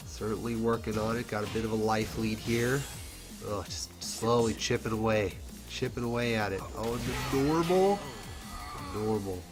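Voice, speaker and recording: A man with a low, congested voice calls a fighting game match on his own. He talks loosely and keeps up a chatty flow with fillers and small laughs. Loud game music plays under him. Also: normal speed. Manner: casual, chatty, laughs often, many fillers. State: stuffed up from a cold. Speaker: esports commentator. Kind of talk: solo play-by-play commentary.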